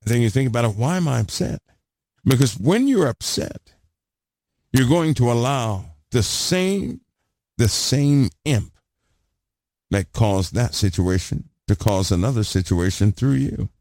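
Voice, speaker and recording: A man's voice: medium pitch, lively intonation, unhurried, darkish tone, no echo, studio quality. A man preaching a sermon, asking the congregation rhetorical questions and repeating phrases for emphasis.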